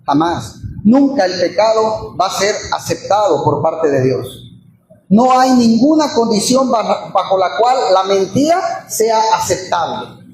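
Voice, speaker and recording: A man's voice: high-pitched, lively intonation, unhurried. A man preaching a sermon as a pastor, emphatic and repetitive, firing rhetorical questions at the congregation. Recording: echoey hall with faint ambient noise.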